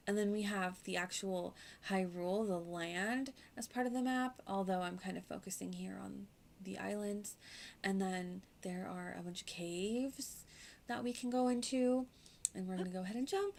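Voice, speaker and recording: This woman's gameplay livestream commentary is informal, playful and gushing, set against music. She speaks a little slowly in a mid-range voice with vocal fry.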